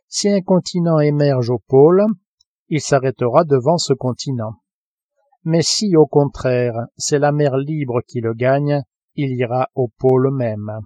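Brief: man playing an ironic, self-assured captain, dark and dry-toned, audiobook read. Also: medium pitch, dry recording, lightly acted. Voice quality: calm, ironic, commanding. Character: proud, ironic male submarine captain.

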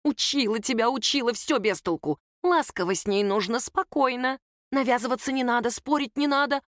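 A scheming older mother-in-law, fussing and coaxing in a raised, sing-song pitch, as a woman storyteller puts her on. The sound is close and dry, with no room around it. She flutters between sweetness and sharp muttered scolding. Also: expressive, unhurried, dry recording. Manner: fussing, coaxing, then scolding in hushed tones.

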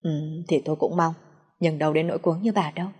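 A woman with a low voice reading the lines of a stern, quick-tempered middle-aged father who rebukes his son. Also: fairly even intonation, darkish tone, breathy edge. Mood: dismissive.

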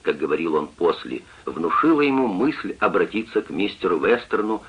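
A man reading a classic novel aloud in a dramatic, expressive manner, in a dull lo-fi radio recording. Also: normal speed, breathy edge. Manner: dramatic, expressive reading with wide swings of pitch. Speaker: audiobook narrator.

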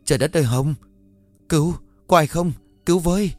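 A man's voice: lowish voice, expressive, a little fast, darkish tone, no room sound, soft background music, close to an everyday voice. A man doing an anxious, fretful middle-aged mother. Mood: panicked screams. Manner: pleading, fretful.

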